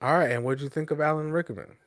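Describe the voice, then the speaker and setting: A man's voice: a little high, quick pace, noisy background. A young man co-hosting a podcast, chatting casually and teasing his sibling in a persuasive way. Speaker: podcast co-host. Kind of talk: casual chat.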